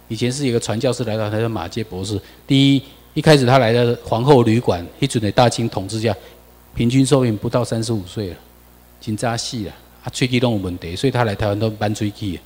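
A man with a Taiwanese accent giving a lecture over slides, animated and full of rhetorical questions to the audience. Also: medium pitch, quick pace, long reverb tail.

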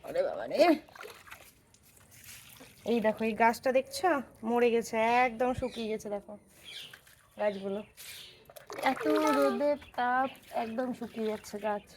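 A woman's voice: a little high, fairly even intonation, normal speed, background noise. A woman vlogging casually on a rooftop outdoors, chatting with viewers and giving her child instructions. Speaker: vlogger and mother. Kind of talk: casual daily-life vlog.

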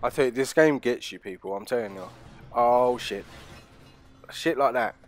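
A man's voice: mid-range voice, moderate pace. A man with a British accent giving casual, slangy, sweary game commentary, addressing his viewers with joking threats. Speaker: gamer playing a horror game. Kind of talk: casual let's play commentary. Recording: faint game ambience behind voice. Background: horror game ambience.

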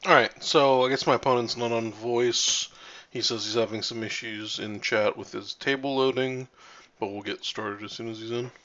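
A man's voice: medium pitch, fairly even intonation, moderate pace, bright, forceful tone. A man casually commentating his own card-game stream, wry and half talking to himself. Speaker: tournament player streaming his games. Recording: dull lo-fi voice chat.

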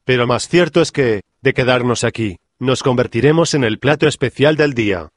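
A man voicing a calm, sensible male hobbit leader in an audiobook parody. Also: medium pitch, normal speed, dry recording, clean studio sound, close to an everyday voice. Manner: calm, composed.

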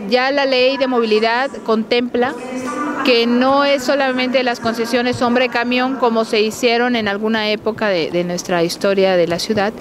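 A woman's voice: on the high side, fairly even intonation, moderate pace. Earnest woman legislator amid chamber chatter. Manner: earnest, explanatory, with frequent restarts. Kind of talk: press interview. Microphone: handheld reporter mic and phones held close. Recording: crowd chatter behind. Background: crowd chatter in the chamber.

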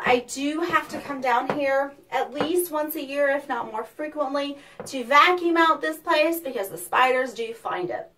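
A woman's voice: high-pitched, pushed and bright. A woman giving a chatty, practical how-to talk from a small underground tornado shelter, her voice carrying a hollow cave-like echo. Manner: practical, instructive, chatty with fillers. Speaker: safety presenter for a weather company. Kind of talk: casual how-to demonstration. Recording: distant mic, cave echo, faint noise.

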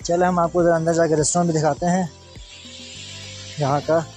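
A young man from Pakistan with a rather high voice talks chattily to his viewers while filming a travel vlog on a phone at arm's length. He stands outdoors by a mountain waterfall, and clear background music plays under his voice. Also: level tone, brisk, a little mellow. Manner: chatty, touristy, addressing viewers directly. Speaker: travel vlogger. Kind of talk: casual travel vlog narration.

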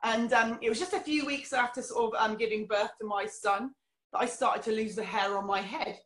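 A woman's voice: on the high side, fairly even intonation, brisk. Candid woman guest in a roomy echo. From England. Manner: candid, reflective, many fillers. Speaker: guest, life coach. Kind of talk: personal storytelling interview.

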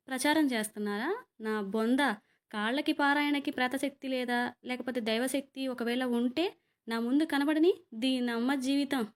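Woman storyteller for an audio horror serial; high-pitched, vivid, exclamatory first-person narration. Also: a little mellow.

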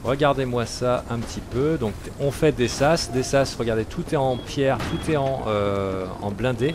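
A man's voice: medium pitch, moderate pace, background noise. A man giving casual gameplay commentary as a gaming YouTuber, talking in a chatty, hesitant way full of fillers.

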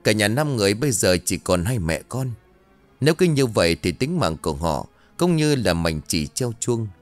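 Low-voiced male ghost story narrator. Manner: expressive dramatic telling.

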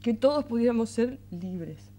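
An actress with a Rioplatense accent playing a tender, weary single mother who soothes her young son in a soft, coaxing voice that often sinks to a murmur. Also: fairly high pitch, expressive, unhurried. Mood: tender, earnest. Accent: Rioplatense Spanish. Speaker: mother of an eleven-year-old boy. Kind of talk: 1980s television drama acting.

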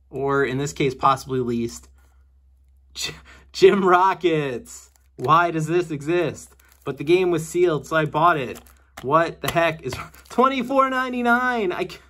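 A young man with a somewhat bright, high-leaning voice and a breathy edge walks through the games he brought home. As a video game collector vlogger, he keeps the casual unboxing commentary chatty and wry, with jokey asides, recording indoors at home.

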